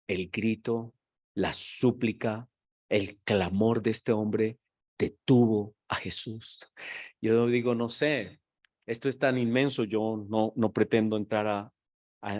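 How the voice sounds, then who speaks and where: A man preaching a sermon as pastor. His delivery moves between quiet, reflective talk and loud, emphatic shouting. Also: lowish voice, no echo, clean studio sound. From Colombia.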